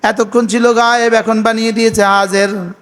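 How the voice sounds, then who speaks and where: A male preacher. He keeps quizzing his listeners with the same question and chants Arabic prayers at a slow, deliberate pace. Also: high voice, flat delivery, fairly bright tone. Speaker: Islamic preacher. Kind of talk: sermon.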